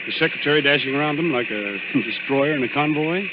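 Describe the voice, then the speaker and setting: An actor playing a calm, gallant, reassuring naval lieutenant commander in an old radio drama. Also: male voice, on the high side, brisk, close to an everyday voice. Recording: muffled, noisy old radio recording.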